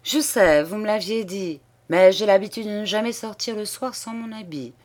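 A woman's voice: mid-range voice, moderate pace, a little mellow, close to an everyday voice. A woman reading an audiobook, voicing a smug young office clerk who courts with polished, condescending airs. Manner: smooth and condescending.

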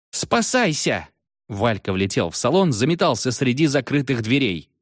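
A man's voice: mid-range voice, no room sound, studio quality. A man narrating a children's horror story, telling it expressively. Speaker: audiobook narrator.

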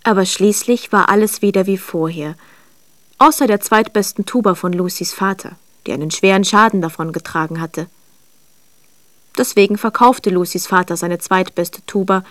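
A woman's voice: medium pitch, normal speed, no echo. Woman reading a children's story. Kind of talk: scripted storybook narration. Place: recording studio.

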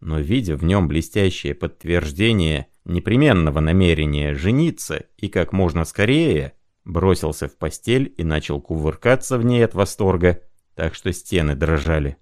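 Male audiobook narrator, lowish voice, dry close sound, measured literary reading. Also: lively intonation, a little mellow, no room sound.

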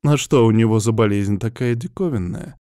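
Man voicing a mocking possessed young woman, teasing, a bit raised pitch, dry sound. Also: normal speed, warm tone, no echo, lightly acted. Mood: taunting. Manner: sly, taunting.

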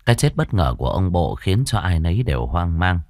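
Deep-voiced male ghost story narrator. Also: brisk, dry recording, clean studio sound. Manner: dramatic, expressive storytelling. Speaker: audiobook narrator.

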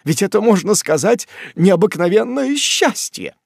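A man's voice: sits high, big pitch swings, a little slow, vocal fry, no echo, clean studio sound, voice pushed up, exaggerated voice. A man reading a storybook, voicing a sly male servant who gushes and fawns in a whiny, ingratiating way. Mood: gushing. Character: sly fawning male servant, tearful, falsely innocent.

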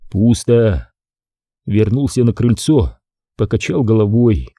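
A man narrating a historical novel in a measured, expressive reading. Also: medium pitch, breathy edge, no room sound, clean studio sound. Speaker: audiobook narrator.

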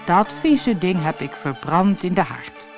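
A woman voicing a stern, disapproving mother in a children's story, speaking slowly with disgust. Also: fairly low pitch, animated, over music.

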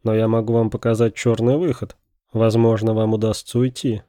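A man doing a captive man with a sardonic edge in an audiobook thriller. He sounds low and mellow, delivering his words flatly with a smirk behind them. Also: fairly quick, no room sound, studio quality, close to an everyday voice. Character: cornered male hostage, mocking.

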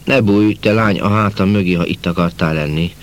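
A man doing a brisk young gentleman. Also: low-pitched, a little hiss or hum, close to an everyday voice.

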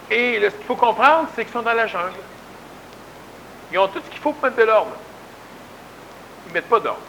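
A man's voice: high voice, pushed and bright, slight background noise, poor audio. A man with a Québécois accent giving a folksy, emphatic conversational talk, often repeating words for stress. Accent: Québécois French. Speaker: spiritual lecturer. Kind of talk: conversational lecture.

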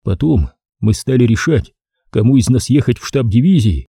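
Male audiobook narrator, measured delivery, very mellow husky tone, dry close sound. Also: medium pitch, lively intonation, no echo. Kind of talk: first-person audiobook narration.

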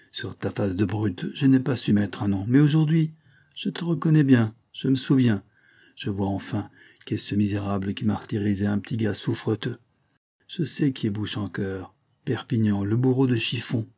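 A man voicing a defiant old male woodsman in an audiobook, speaking loudly and indignantly with a husky voice. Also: fairly low pitch. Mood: accusing. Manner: loud, indignant, rising to shouts.

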